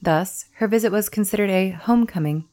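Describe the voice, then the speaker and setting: A woman reading a first-person life story aloud in a steady narrating voice. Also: medium pitch, a little fast. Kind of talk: scripted narration.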